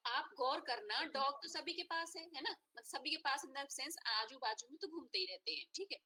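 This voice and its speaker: A woman's voice: high-pitched, moderate pace, pushed and bright, poor audio. An Indian woman teaching an online veterinary anatomy class, mixing Hindi and English and often checking in with her students. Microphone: online class audio.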